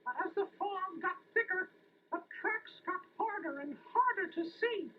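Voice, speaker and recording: A man voicing a small, plucky male cartoon mouse in falsetto, earnestly telling a children's storybook tale. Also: animated, moderate pace, slight background noise. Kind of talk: children's storybook audio narration and dialogue. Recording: tinny band-limited toy tape.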